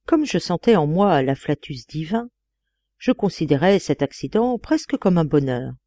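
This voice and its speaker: A woman narrating a literary audiobook in a deliberate, expressive reading. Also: low voice, dry recording. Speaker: audiobook reader.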